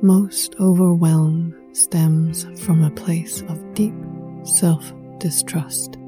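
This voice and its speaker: With music playing, a woman at a fairly low pitch guides listeners through a meditation. Her breathy, gentle voice often fades nearly to a whisper, and she stays quiet, soothing and slow, reading lyrical scripted phrases.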